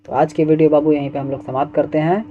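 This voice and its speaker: A man's voice: a little high, little pitch movement, fast talker, phone-quality sound, faint music behind. A man teaching Hindi grammar who reads each exam question and its options aloud, then asks for the answer and repeats it. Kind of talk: exam question walkthrough lesson.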